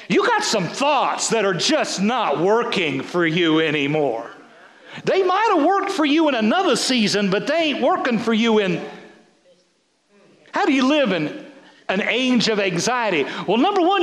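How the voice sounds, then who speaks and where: A pastor preaching a sermon, telling stories with many stammering restarts. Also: male voice, sits high. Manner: storytelling, animated, stammering restarts.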